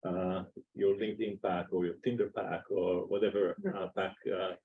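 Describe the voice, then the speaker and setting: A man with an Israeli accent giving an academic seminar talk in a lecture room, pausing often with "uh". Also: low voice, little pitch movement, breathy edge, narrow, tinny audio. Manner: halting, many filler "uh"s. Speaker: seminar speaker.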